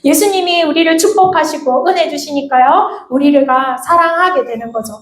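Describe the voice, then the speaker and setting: A woman's voice: high voice, moderate pace. A woman giving a chatty, confessional church class message and laughing at herself. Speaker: church teacher. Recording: echoey room.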